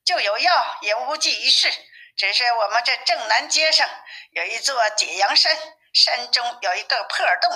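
A woman's voice: on the high side, bright, forceful tone, low-quality recording. A woman voicing a talkative old village woman who explains things at length in a storybook reading.

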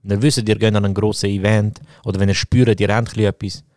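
A man's voice: fairly low pitch, steady tone, quick pace, a little mellow, no room sound, studio quality. A young man with a Swiss German accent, co-hosting a podcast in casual chat and ranting heatedly in slang. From Switzerland. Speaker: podcast co-host.

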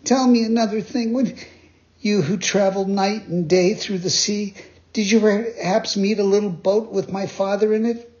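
A man voicing a frightened, eager wooden puppet boy in a high, excited, pleading voice. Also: moderate pace, lightly acted. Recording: dull lo-fi sound.

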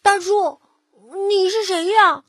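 Woman doing loud, suspicious little pigs. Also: extremely high pitch, steady tone, slow pace, dry recording, voice pushed up, exaggerated voice. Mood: curious. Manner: loud, probing questions.

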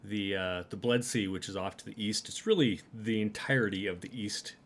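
A man's voice: lowish voice, fairly quick, a bit bright. A man opening a podcast as its host, easygoing and making puns in casual chat.

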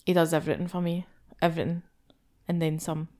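A woman's voice: fairly low pitch, little pitch movement, quick pace, darkish tone. A woman with a Scottish accent co-hosting a podcast, bantering in a teasing, playful way. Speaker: podcast co-host. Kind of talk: casual chat.

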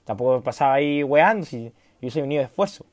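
A man's voice: mid-range voice, animated, quick pace, a little mellow, no room sound. A late-teen man with a Chilean accent telling a rambling, self-mocking story in a casual vlog, slangy and acting out the dialogue. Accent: Chilean Spanish. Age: late teens. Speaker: vlogger.

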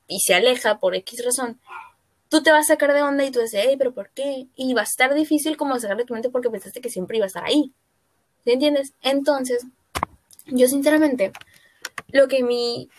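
Rambling Mexican woman, higher voice. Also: no room sound. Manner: rambling, full of fillers and self-corrections. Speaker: podcast co-host. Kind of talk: casual podcast chat.

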